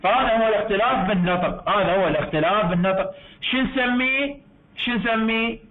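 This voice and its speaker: A man with an Iraqi Arabic accent teaching university English in an online lecture, explaining slowly with many repeats and self-corrections. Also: sits high. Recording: tinny online-call audio.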